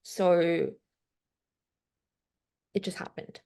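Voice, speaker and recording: Her voice is lowish and dark with vocal fry, and she speaks extremely slowly. She's a young Korean concept artist on a casual podcast, reflecting aloud in English that sounds British with a slight Californian tinge, hedging with plenty of "like" and false starts.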